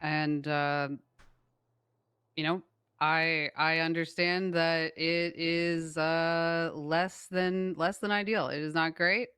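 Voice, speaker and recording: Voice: medium pitch, flat delivery, slow pace, bright, forceful tone, smooth, no room sound, studio quality. A person role-playing a gang member in a crime game, explaining in a hesitant, conciliatory way. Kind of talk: improvised role-play in an online crime game.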